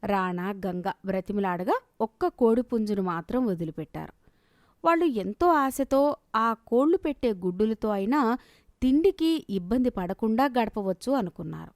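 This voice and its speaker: A woman narrating a storybook cartoon in a calm, steady storytelling manner. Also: mid-range voice, moderate pace, dry recording, clean studio sound.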